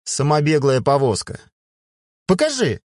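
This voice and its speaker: A man reading an audiobook, voicing an eager, impatient young girl in high, squealing exclamations. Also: huge pitch swings, unhurried, darkish tone, no room sound, clean studio sound. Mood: excited. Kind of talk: audiobook character voice.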